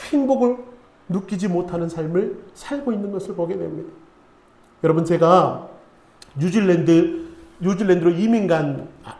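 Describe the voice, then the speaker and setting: A middle-aged male pastor delivers a sermon, weaving in stories and asking rhetorical questions. His voice sits fairly high. The recording carries the echo of a church sanctuary. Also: a little mellow. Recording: echoey church hall.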